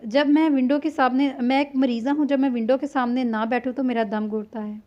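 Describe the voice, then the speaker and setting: A chatty, impulsive young woman from a spoken novel gushes and sighs theatrically, as a woman reads her part. Her voice sits high. The recording sounds dull and lo-fi. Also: steady tone, a little fast, close to an everyday voice. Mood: dramatic.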